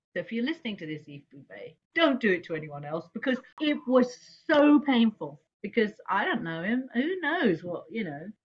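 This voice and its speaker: A woman, a jazz singer, telling stories from her life in a casual interview, laughing often and jumping her voice up when she quotes herself. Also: mid-range voice. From England. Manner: animated, laughing, voice jumps up when quoting herself. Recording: slightly dull lo-fi sound.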